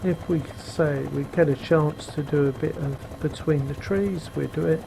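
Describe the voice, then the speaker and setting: Speaking into a cheap gaming headset, a middle-aged man with a very deep voice narrates his helicopter sim flight in a leisurely way, leaning heavily on fillers. His intonation stays fairly even, with some vocal fry, and the simulated engine and rotors are loud behind him.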